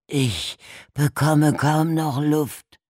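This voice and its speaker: A man voicing a terrified man buried alive, pleading in a rough, desperate, high wailing voice. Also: steady tone, drawn-out words, darkish tone, dry recording, clean studio sound. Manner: high, wailing, sobbing pleas.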